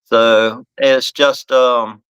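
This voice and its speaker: Speaking extremely slowly, the podcast host and bat company owner keeps a mid-range voice and a level tone that is still bright, forceful, smooth and crisp. He rambles through a casual live show, tripping over and restarting phrases, captured close and dry with no room sound.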